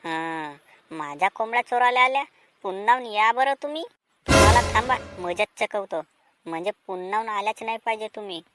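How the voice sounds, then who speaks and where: A woman voicing an angry male village farmer in a cartoon, shouting threats and scolding in a Vidarbha Marathi accent. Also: medium pitch, moderate pace, loud music behind the voice, natural voice. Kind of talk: cartoon drama voice acting.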